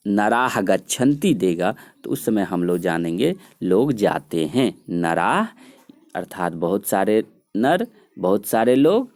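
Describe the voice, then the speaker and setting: A man teaching a grammar lesson, slowly reciting word forms for students to repeat. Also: lowish voice, darkish tone. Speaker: Sanskrit teacher.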